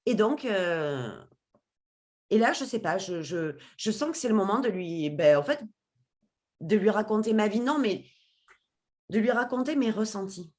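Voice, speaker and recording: Expressive woman telling her story. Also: medium pitch, a little slow, pauses often. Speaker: podcast guest. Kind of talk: personal storytelling.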